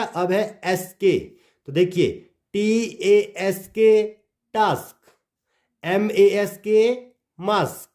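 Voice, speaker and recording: A man with a high but dark-toned voice leads a slow phonics lesson. He teaches English pronunciation by spelling words out letter by letter, and his voice falls at the end of each phrase.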